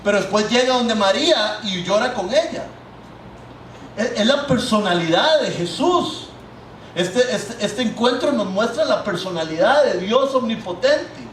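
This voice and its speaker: A man's voice: sits high, recorded from a distance, a little hiss or hum. A man, preaching a sermon and talking directly to the congregation. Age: 30s. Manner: conversational, addresses the congregation directly. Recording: echoey hall, mic set back.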